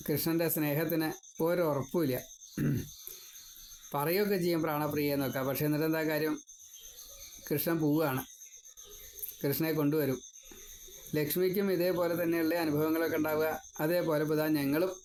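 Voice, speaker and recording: A man giving a devotional scripture discourse, retelling and explaining the story in a measured, storytelling manner. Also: a little high, darkish tone, slight background noise, rough recording. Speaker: scripture teacher.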